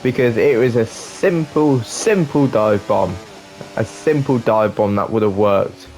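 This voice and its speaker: A man's voice: fairly low pitch, measured pace, a little mellow. A man commentating over his own racing gameplay, chatty and rambling with fillers. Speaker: gaming channel host.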